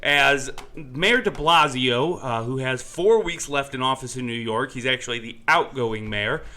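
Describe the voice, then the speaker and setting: A male podcast co-host with a bright, ringing voice at a middle pitch. He talks loosely and casually, wandering through his points with plenty of fillers. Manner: loose, rambling, many fillers. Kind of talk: casual news chat.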